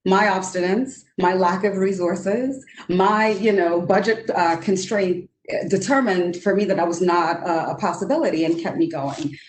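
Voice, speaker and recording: This economist panelist, a Trinidadian woman in her forties, has a lowish voice and a moderate pace, with slight hiss or hum in the roomy video call audio. She talks earnestly in a roundtable discussion, often restarting and using fillers.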